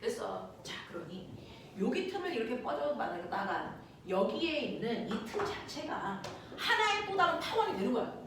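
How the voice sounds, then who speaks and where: A woman teacher giving a lively physics lecture, often checking that her students follow along. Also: a little high, normal speed. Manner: animated, keeps checking in with students. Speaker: science teacher. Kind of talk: classroom lecture. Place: classroom. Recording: echoey room from far off, faint noise.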